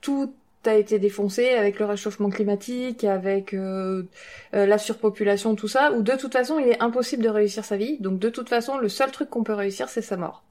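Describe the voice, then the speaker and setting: A woman's voice: medium pitch, a little fast, darkish tone. A woman on a panel in a casual film discussion, explaining things informally with hesitant phrasing. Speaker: podcast panelist, teacher.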